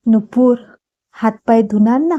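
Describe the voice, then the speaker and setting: A woman voicing a dignified older matriarch, speaking gently and motherly. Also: fairly high pitch, unhurried. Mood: kindly. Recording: dull lo-fi recording.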